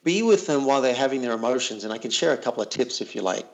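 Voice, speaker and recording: Male coach guest, gravelly mid-pitched voice, earnest and reflective, restarts his words as he thinks. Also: expressive, very fast. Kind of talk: casual interview chat.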